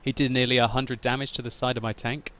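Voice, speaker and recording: Talking fast in a mid-range voice, this man narrates a tank battle he played himself, a video game commentary voice-over full of laughter that swells into loud excitement at the big moments.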